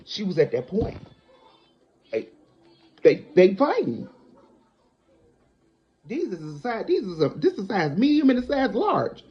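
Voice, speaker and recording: Animated, blunt woman telling stories. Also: medium pitch, measured pace, long pauses, highs cut off. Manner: animated, blunt, acts out quotes. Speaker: storyteller vlogger. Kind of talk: casual personal storytelling.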